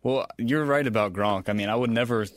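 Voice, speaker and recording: A man's voice: medium pitch, fairly quick, no echo. A man co-hosting a sports podcast, talking in an easygoing, agreeable way as a fan. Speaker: co-host. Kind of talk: casual sports talk.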